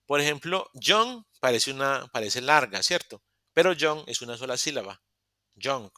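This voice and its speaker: A man's voice: medium pitch, very animated, moderate pace, bright, forceful tone, dry recording, studio quality. A man teaching an English class over a video call, explaining step by step and often restarting his sentences. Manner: explains step by step with many restarts and self-corrections. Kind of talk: live online class explanation.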